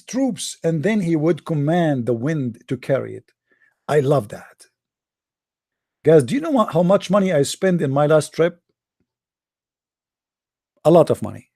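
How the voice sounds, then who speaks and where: A man's voice: on the high side, gravelly, dark tone, dry recording. Sarcastic Arabic-accented man, dry close sound. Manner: sarcastic, mocking. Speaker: religious debater. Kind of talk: online debate talk.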